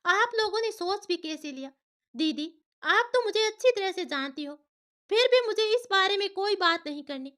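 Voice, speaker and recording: A woman's voice: very high voice, lively intonation, moderate pace, a bit bright, voice pushed up. Woman voicing an indignant widowed mother. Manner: indignant, insistent protests. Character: widowed mother, proud and fiercely devoted.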